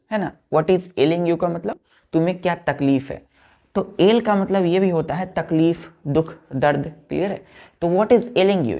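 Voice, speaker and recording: A woman teaching a vocabulary lesson, repeating words slowly and checking that the children follow, with an Indian English accent on the English words. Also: on the low side, mellow. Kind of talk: vocabulary lesson, explaining word by word.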